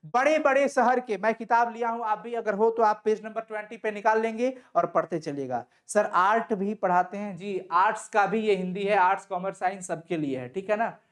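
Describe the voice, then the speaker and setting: A man's voice: high voice, normal speed, hardly any pauses, fairly bright tone. Guy teaching class online, reads the text then explains it, asks and answers himself, keeps telling students not to worry. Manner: reassuring and coaxing with students. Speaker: Hindi teacher.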